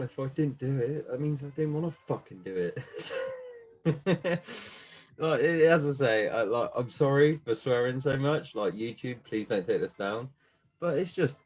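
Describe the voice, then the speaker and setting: A man's voice: on the low side, a little mellow, slightly rough, rough recording. A young man, a small gaming YouTuber, ranting casually to camera with lots of swearing and fillers. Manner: swears a lot, rambling with many fillers.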